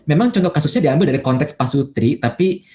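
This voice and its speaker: A man with a fairly high but warm, mellow voice gives a church talk as a pastor. He speaks in a loose, conversational way, full of fillers. He acts out everyday quotes with a livelier voice. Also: animated, quick pace, a little hiss or hum. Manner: conversational, many fillers and folksy asides. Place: church online service.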